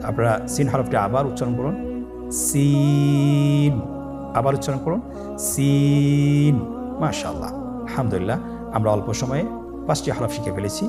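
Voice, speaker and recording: Talking very fast in a mid-range voice, a calm man with a Bangladeshi accent teaches the Arabic alphabet for Quran reading step by step. Each letter sound is drawn out for listeners to copy, all over background music.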